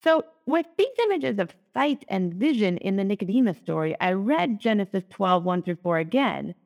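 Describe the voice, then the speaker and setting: A woman's voice: medium pitch, expressive, normal speed, vocal fry, darkish tone. A woman co-hosting a lectionary podcast, talking in a chatty, teacherly way. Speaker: podcast co-host, Lutheran. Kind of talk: casual lectionary podcast chat.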